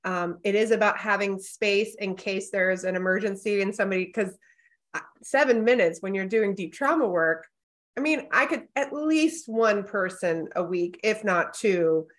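Woman podcast cohost, mid pitch, straight-talking coach vibe, emphatic. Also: normal speed, a bit bright. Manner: candid, emphatic, conversational. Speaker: podcast co-host and business coach.

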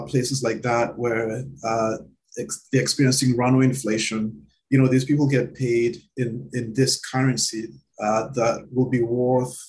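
A man interviewing a guest in casual chat, speaking hesitantly with many pauses and restarts. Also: medium pitch, darkish tone, poor audio.

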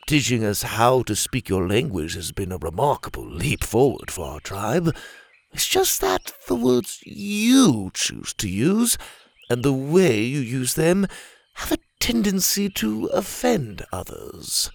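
A man doing a prim, patient orangutan gentleman. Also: medium pitch, big pitch swings, slow pace, gravelly, no room sound, full character voice. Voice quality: polite, formal, gentle. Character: proper, patient male orangutan elder.

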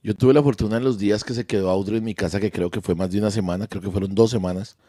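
A man's voice: lowish voice, fast talker, no room sound. Chatty storytelling man, dry sound. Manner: animated storyteller, repeats words. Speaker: comedian guest. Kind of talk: casual podcast chat.

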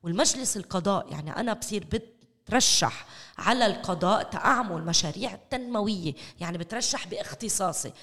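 A woman's voice: mid-range voice, lively intonation, brisk, fairly bright tone. A woman with a Lebanese Arabic accent speaking as a guest in a discussion, emphatic and repeating words for stress. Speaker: interview guest, local development expert. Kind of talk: animated discussion. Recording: echoey hall with long reverb.

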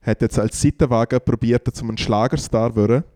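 A man's voice: mid-range voice, fairly even intonation, fairly quick, mellow. A man, chatting casually as a podcast co-host and telling long stories full of fillers. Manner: rambling storyteller, many fillers. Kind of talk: casual chat.

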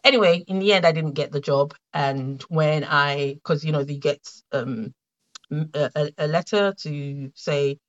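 A middle-aged woman with a Nigerian accent, a guest in a conversational interview, tells her story reflectively and haltingly, with many fillers and restarts. Her voice is low and the audio is dull.

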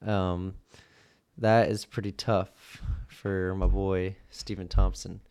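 A man with a fairly low, clear and smooth voice hosts a sports podcast. His delivery is casual and informal, with a slightly hesitant, halting flow as he comments. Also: darkish tone. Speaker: podcast host.

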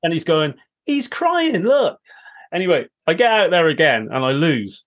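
Host: man, fairly high voice, very lively pitch, chatty storyteller. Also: brisk. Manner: animated anecdotes, laughing, mimicking voices. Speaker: interviewer. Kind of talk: casual chat.

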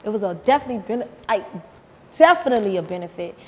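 A woman's voice: medium pitch, fast, long reverb tail. Blunt, profane woman. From North Miami, Florida. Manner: blunt, profane, animated storytelling. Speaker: guest. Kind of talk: casual interview chat. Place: reverberant room with couch.

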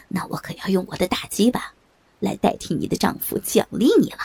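A woman voicing a sly, smug old man in a dramatized audio story, speaking low and gloating with chuckles. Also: moderate pace, gravelly, mellow, slightly rough.

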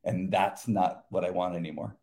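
Middle aged guy, low mellow voice, stumbles over words, gets emotional and laughs a lot. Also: fairly even intonation, vocal fry. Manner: halting, emotional, laughs often. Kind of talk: casual faith talk.

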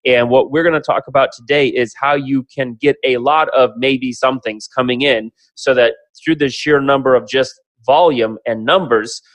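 A man's voice: medium pitch, fairly even intonation, moderate pace, hardly any pauses, no echo, rough recording. A man hosting an online summit, talking conversationally and emphatically, explaining things in simple steps with rhetorical questions. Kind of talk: conversational interview introduction.

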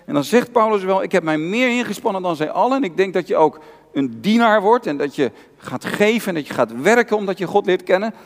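A man's voice: high voice, animated, fairly quick. Man, pastor, earnest sermon, emphatic repetition, reverberant church hall. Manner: earnest, personal preaching with repeated emphatic phrases.

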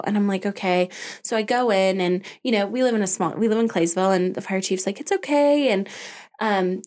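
A woman, a boutique owner, chatting casually as a podcast guest and telling a story in an animated way, acting out her own and her husband's lines. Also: medium pitch.

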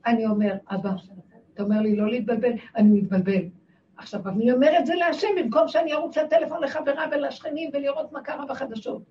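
Impassioned woman teacher, distant lo-fi sound. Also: high voice. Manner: impassioned, dropping to near-whispers. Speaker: spiritual teacher. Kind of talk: devotional talk to women. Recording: distant, dull lo-fi recording.

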